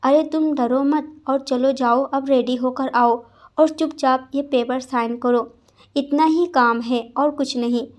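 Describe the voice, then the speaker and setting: A woman voicing a calm, domineering young male mafia boss who speaks softly but gives orders. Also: high voice, slow pace. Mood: coaxing. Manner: soft-spoken, commanding.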